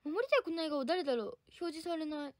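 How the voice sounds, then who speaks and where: Bubbly high-voiced young woman livestreamer. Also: lively intonation, fast talker, no echo, clean studio sound. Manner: bubbly, thanks viewers often, mixes in English words. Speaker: livestream idol host reading viewer comments. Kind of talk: casual livestream chat.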